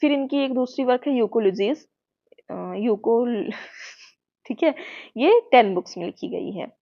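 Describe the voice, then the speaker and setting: In a muffled lo-fi recording, a woman teacher with an Indian accent patiently walks students through exam-prep material and keeps checking in with them. Her voice is on the high side and creaky, at a normal speed.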